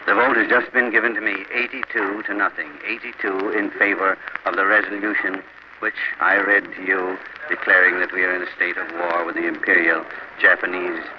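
Male American radio reporter, 1940s, very deep, hesitant live commentary over clearly noisy vintage audio. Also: little pitch movement, dull audio. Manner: halting, hesitant ad-libbed delivery.

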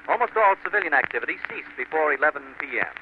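A man delivering a measured live news report as a radio correspondent, heard through an old 1940s broadcast. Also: on the high side, lively intonation. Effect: old 1940s radio broadcast sound. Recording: tinny old radio recording with loud hiss.

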